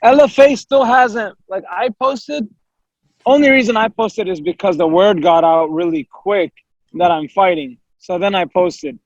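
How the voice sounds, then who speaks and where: A young American professional MMA fighter answers questions as a guest in a casual interview, his high voice carrying a dry, dull sound without echo. He is earnest and speaks a little slowly, running on at length with fillers and quoting himself.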